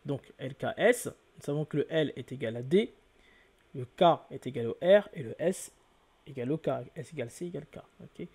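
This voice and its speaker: A man's voice: fairly high pitch, animated, moderate pace, darkish tone, husky. A man giving an explanatory lecture to viewers, spelling out letters one by one and often correcting himself. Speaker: lecturer on word origins.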